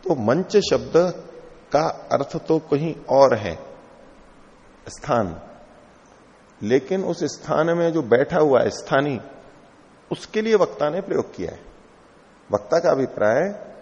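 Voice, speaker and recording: This middle-aged philosophy teacher's voice is a little high and a little mellow, very animated yet slow, with long pauses. He patiently explains each term of a classical text and repeats it, captured in a lo-fi hall with long reverb.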